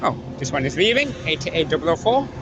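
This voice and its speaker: Higher-pitched man commenting amid train noise. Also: very animated, quick pace. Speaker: trainspotting video maker. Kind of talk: casual running commentary, reading out train numbers. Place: outdoors on railway station platform. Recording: dull sound, clear train noise.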